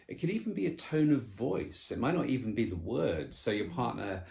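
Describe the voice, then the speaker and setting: A man's voice: mid-range voice, animated, moderate pace, vocal fry, a little mellow. A man co-hosting a podcast about relationships, explaining in a reflective, conversational way with frequent restarts. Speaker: podcast co-host.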